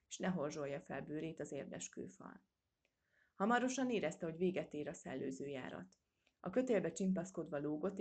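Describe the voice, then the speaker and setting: A woman reading a children's storybook aloud in a steady, measured way. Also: on the low side. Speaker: audiobook reader. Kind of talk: storybook narration.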